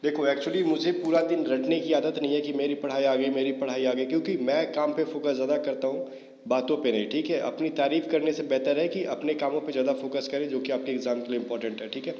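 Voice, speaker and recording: A man's voice: a little high, steady tone, fast talker, dark tone. A man teaching exam prep in a casual Hindi video lesson, speaking straight to viewers and dropping in fillers. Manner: talks straight to viewers, many fillers like "theek hai". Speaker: online exam coaching teacher. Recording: echoey room with long reverb.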